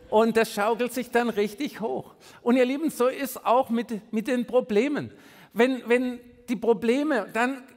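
A male pastor delivering an emphatic sermon, swinging between raised and hushed delivery. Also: sits high. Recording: long reverb in a large hall.

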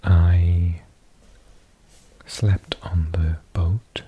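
A man whispering softly and unhurriedly as an ASMR host, reading aloud close to the mic. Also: low voice, little pitch movement, highs cut off, a little hiss or hum. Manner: soft, breathy ASMR whisper, slow and unhurried.

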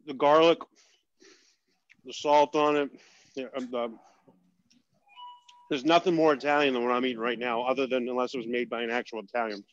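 A man's voice: mid-range voice, no echo, highs cut off. Chatty man talking food over a call. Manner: chatty, talks while eating, trailing restarts. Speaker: host. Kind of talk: casual cooking chat.

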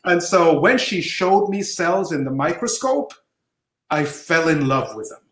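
A middle-aged man from Jamaica, a professor, answering interview questions over a video call with measured storytelling. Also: fairly high pitch, animated, fairly bright tone. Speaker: guest professor. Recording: roomy video-call audio.

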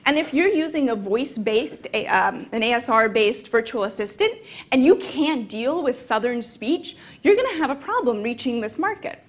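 A young woman gives a lively conference talk, her voice pitched high. She speaks in a relaxed, conversational way, with plenty of filler words as she explains her ideas. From American South. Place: conference hall.

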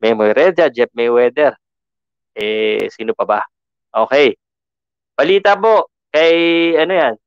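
A man's voice: medium pitch, unhurried, pauses often, clean tone, dry recording, highs cut off. Chatty Filipino man hosting a boxing podcast. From Philippines. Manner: chatty, code-switching, frequent fillers and restarts. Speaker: podcast host. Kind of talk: casual podcast monologue.

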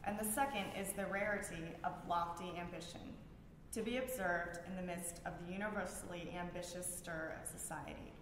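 A librarian reads prepared texts aloud at a public library event, her fairly low voice keeping a fairly even intonation. She reads haltingly, often stumbling over words and starting again. The large hall is very echoey, with background noise.

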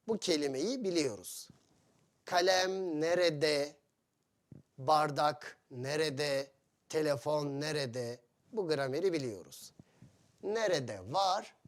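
Very slow, lively man teaching. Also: a little high. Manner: speaks in short, deliberate phrases with repeated examples. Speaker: Turkish teacher. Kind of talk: slow, simplified teaching of Turkish to foreigners.

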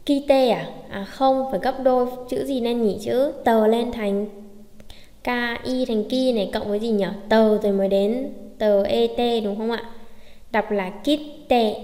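A woman's voice: on the high side, darkish tone, echoey room, in a large hall. A woman teaching a language lesson in a questioning, self-answering way, explaining how to read and type words. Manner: asks questions then answers them herself. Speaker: Japanese teacher.

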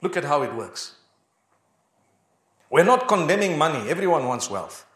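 A man with a notably high voice preaches a sermon, firing off rhetorical questions and hammering his points home. The sound carries a roomy echo. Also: sing-song, normal speed, fairly bright tone. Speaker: Islamic preacher.

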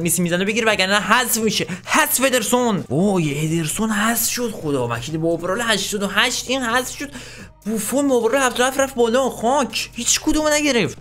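A man's voice: sits high, fairly bright tone. A man commentating a football video game, teasing and urging the players on screen. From Iran. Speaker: gaming YouTuber.

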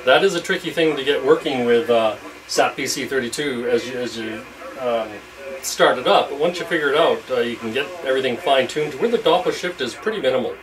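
With an expressive, fairly quick delivery in a medium pitch, the amateur radio operator in his fifties makes contacts and remarks casually to camera. The distant camera mic across his small, noisy radio shack also picks up crowd noise, loud hiss and radio noise.

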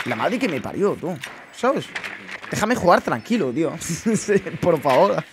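A man's voice: on the high side, big pitch swings, measured pace, a little hiss or hum. A young man from Spain with a Spanish accent, ranting and swearing in casual commentary over his own gameplay. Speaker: gaming streamer. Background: game sounds.

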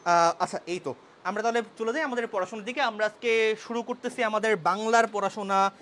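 Young guy teaching an online class, talks super fast, with english mixed in, little bit of background hiss. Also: sits high, fairly bright tone. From Bangladesh. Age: young adult. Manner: brisk, mixes English words into Bengali. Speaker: university admission tutor.

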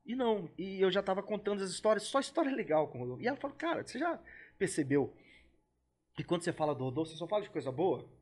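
Middle-aged rock guy on a podcast, emotional, cusses a lot, stammers, voice jumps up and down a lot, kinda high. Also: big pitch swings, fast, darkish tone. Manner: heartfelt, swears freely, stammers on repeated words. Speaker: podcast guest, rock musician. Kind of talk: emotional casual chat.

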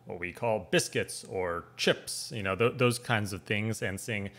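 A man's voice: fairly low pitch, measured pace, a bit bright. A man in his thirties with a standard American accent, giving casual, rambling and curious reaction commentary as a video host. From United States, West Coast. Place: small indoor room at home.

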